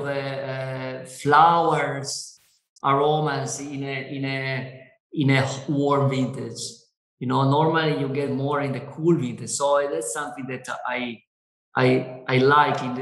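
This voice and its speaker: A man, a winery owner whose first language is Italian, speaking on a video call in halting English with many fillers and restarts. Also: mid-range voice, fairly bright tone, reverberant, low-quality recording. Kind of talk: Zoom wine tasting interview.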